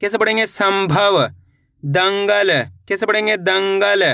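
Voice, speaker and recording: A man with a high, bright, forceful voice speaks slowly with fairly even intonation, a creaky edge and a clear, resonant tone, recorded studio-clean with no echo. He's giving a slow, spelled-out Hindi reading lesson, sounding out each word syllable by syllable and repeating it. He encourages his viewers and addresses them as friends.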